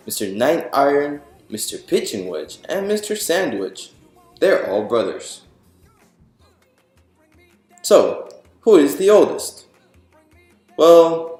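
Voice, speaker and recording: A man with a voice on the high side and a darkish tone narrates a picture book for an audience. He explains the story in storybook style, asking listeners questions and then answering them. The sound echoes in the room, with music behind.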